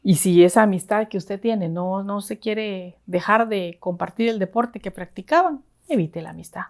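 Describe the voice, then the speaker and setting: A woman's voice: mid-range voice, moderate pace, a little mellow. A woman deaconess preaching a sermon to a women's service in an earnest, conversational way.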